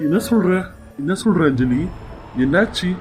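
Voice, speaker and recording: Someone voices a caring young husband in a homemade serial story. His mid-range voice stays soft as he coaxes his pregnant wife, with faint music behind him. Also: mid-range voice, lively intonation, moderate pace, natural voice. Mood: worried. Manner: coaxing, then alarmed and pleading. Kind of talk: amateur serial-story voice acting.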